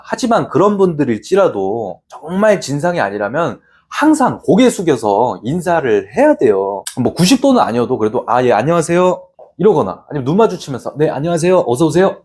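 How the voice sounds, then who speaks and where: A man's voice: a little high, darkish tone. A man who works as a real estate agent gives an instructional talk to other agents, bluntly and with slang, asking rhetorical questions and answering them himself. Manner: slangy and plain-spoken.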